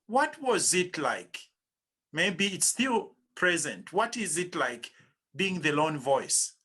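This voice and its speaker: A male interviewer poses long, carefully framed questions. He speaks very slowly and with deliberation. His voice is bright and slightly high. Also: sing-song, breathy edge.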